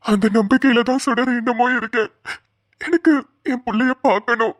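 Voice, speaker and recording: A woman's voice: fairly high pitch, steady tone, normal speed, no echo, clean studio sound, close to an everyday voice. A woman voicing a grieving middle-aged father in a cartoon, speaking in tearful, despairing pleas. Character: grieving middle-aged father missing his lost son. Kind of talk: cartoon voice acting.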